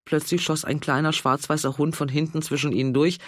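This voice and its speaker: A man reading a novel aloud as audiobook narrator, in a calm, measured narrating voice. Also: on the high side, no room sound, studio quality.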